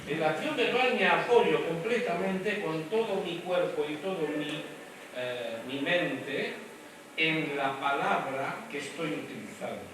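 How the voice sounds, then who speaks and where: A man gives a lively, demonstrative voice lesson, talking straight to the class. He is picked up across a very echoey room. A steady hiss of noise sits under his voice. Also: on the high side, a little slow. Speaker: voice teacher. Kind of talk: classroom lecture. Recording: echoey room, mic from far off, noisy.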